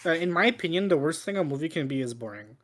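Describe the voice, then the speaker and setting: A man with a fairly high voice chats as a movie podcast host. He sounds tipsy, rambling through his opinions, doubling back on his words and cursing casually. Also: animated, fast. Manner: tipsy, from drinking on the show; rambling, repeats himself, swearing. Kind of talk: casual movie review banter.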